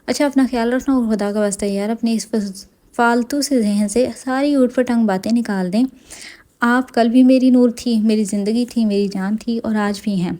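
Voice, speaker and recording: Brief: woman voicing a tender, teasing young army husband on the phone, storybook reading, mellow and fairly high. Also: steady tone, natural voice. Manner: affectionate, gently scolding. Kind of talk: audiobook dialogue reading.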